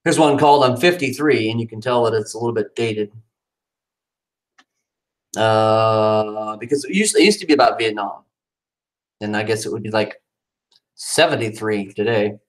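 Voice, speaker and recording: In a low-quality recording, a man chats at home about his cat and then performs his own poetry dramatically, his pitch swooping up and down. He keeps a moderate pace, broken by long pauses.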